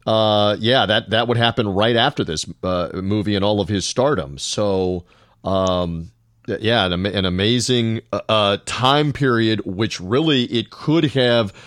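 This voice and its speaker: Low-voiced man rambling over movie talk. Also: a little slow, a bit bright, dry recording, studio quality. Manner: rambling, hesitant with many "uh" fillers, sarcastic. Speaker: podcast co-host. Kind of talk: casual movie chat.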